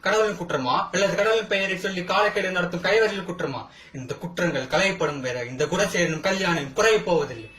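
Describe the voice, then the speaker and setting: An amateur actor practises a theatrical Tamil film courtroom monologue, playing a wronged brother who defends himself. His fairly high, expressive and fairly bright voice declaims with fiery, accusing passion, defiant rhetoric and dramatic pauses. The recording rings with clear echo from the room.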